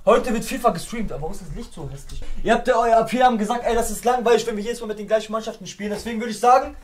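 A man's voice: sits high, very fast. A young man streaming a football video game, nervous and complaining, swearing at his friend and the match. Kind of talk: casual gaming stream banter.

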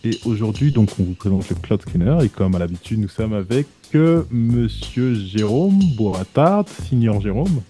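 A man's voice: lowish voice, big pitch swings, moderate pace, hardly any pauses, dark tone, soft background music. A man hosting a podcast in casual chat, hesitant, with many fillers and repeated words. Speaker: podcast host.

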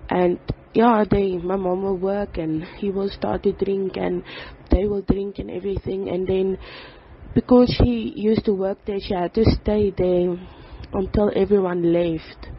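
A person recording a voice note on a phone, praying and then telling their life story in an earnest, halting way with pauses and fillers. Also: mid-range voice, fairly even intonation, slightly rough. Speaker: person giving a testimony. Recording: slightly dull voice note with faint background noise.

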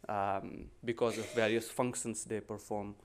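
A middle-aged man from Nepal gives a conference presentation at a podium microphone. His delivery is polite and a little halting, full of ums and restarts as he walks through his slides. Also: fairly low pitch, flat delivery, a little hiss or hum.

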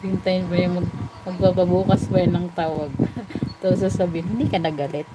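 A woman's voice: lowish voice, a little fast. A woman chatting casually on her livestream and acting out her arguments with a lot of laughter. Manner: animated storytelling, acts out quoted arguments, laughs often. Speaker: vlogger on a livestream. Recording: loud background noise with vehicle sounds.

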